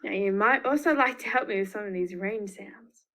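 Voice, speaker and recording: Reading a picture book aloud to young children, an Australian woman uses an expressive delivery and emphatic repetition. Her voice is medium-pitched and a bit bright, at a normal speed.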